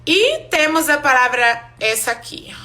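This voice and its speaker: A woman teaching an English pronunciation class live online, explaining slowly and repeating each word for her students. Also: high voice, sing-song, bright, forceful tone.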